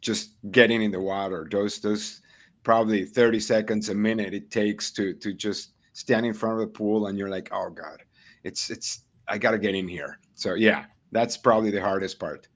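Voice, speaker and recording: A middle-aged man from Venezuela speaks with a low voice as a guest in a casual interview. He hesitates often, restarting sentences and filling pauses, and laughs easily. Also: fairly even intonation. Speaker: triathlon coach, guest.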